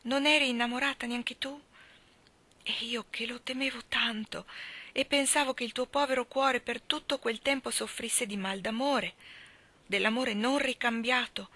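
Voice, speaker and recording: A woman's voice: a little high, fairly even intonation, normal speed, sharp tone. Woman doing a fiery, pleading young woman. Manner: impassioned, pleading, emphatic. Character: passionate headstrong young woman, fiercely loyal.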